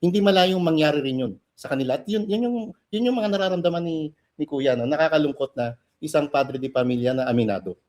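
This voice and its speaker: A man's voice: on the high side, fast, darkish tone. A man co-hosting a political commentary show, earnest and critical, building to emphatic points. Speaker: co-host.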